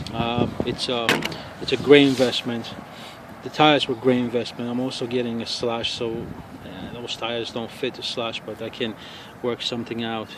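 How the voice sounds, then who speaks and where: A man talks outdoors on a city street with traffic noise around him. He rants in an irritated, profane way, often stopping and restarting his sentences. It sounds like a casual handheld review recording. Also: medium pitch. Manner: angry, profane ranting with halting restarts. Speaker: RC car hobbyist reviewer.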